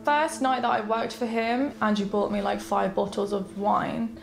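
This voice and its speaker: A woman interviewed for a documentary, recounting events in a soft, halting, hesitant way. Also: medium pitch, level tone, gravelly. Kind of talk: recounting personal experiences in an interview.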